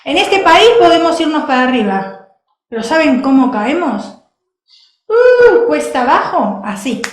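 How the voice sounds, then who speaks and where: A woman preacher giving a sermon, animated and laughing, acting out other people's voices. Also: sits high, a little slow, echoey room.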